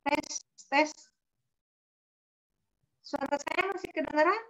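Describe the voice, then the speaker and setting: A woman religious teacher speaking slowly over a video call, her audio choppy and glitching as it breaks up. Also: sits high, rough recording. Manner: slow, measured, repeats "ya" often. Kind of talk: online religious study class.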